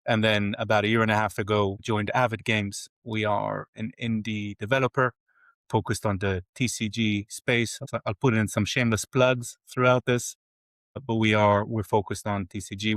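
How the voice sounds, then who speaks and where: A man's voice: on the low side, fairly bright tone, no echo. A man in his forties, originally from Israel, talking candidly and with light self-mocking humour as a guest on a podcast interview. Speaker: guest, games company CFO.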